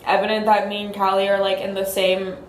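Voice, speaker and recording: A woman's voice: medium pitch, completely flat delivery, a little fast, reverberant, a little hiss or hum. A young woman, hosting a podcast in a casual, rambling chat full of "like". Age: young adult. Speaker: podcast host.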